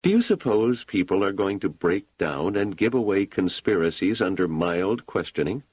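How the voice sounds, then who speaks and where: Man doing a calm probing woman, measured, persistent, audiobook, lively pitch, dry sound. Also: slightly rough, dry recording, dull audio. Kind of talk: audiobook character voice.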